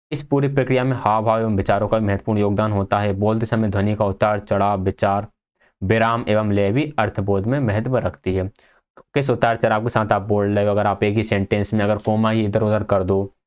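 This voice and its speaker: Young male teacher, lowish voice, casual exam-prep explainer who reads notes then paraphrases. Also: darkish tone.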